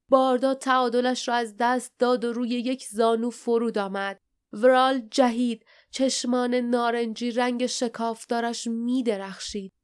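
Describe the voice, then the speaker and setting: Female audiobook narrator; steady measured storytelling, smooth resonant voice, slightly high.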